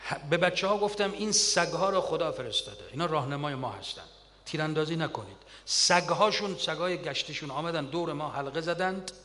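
A man's voice: a little high, lively intonation, pushed and bright. A man telling wartime stories in an earnest sermon style, his voice swelling with emotion, recorded in a reverberant hall.

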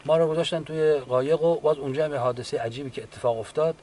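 A man, a wounded war veteran, giving a halting, unhurried personal account with frequent restarts. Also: a little high, fairly even intonation, darkish tone, a little hiss or hum. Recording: distant mic with faint background ambience.

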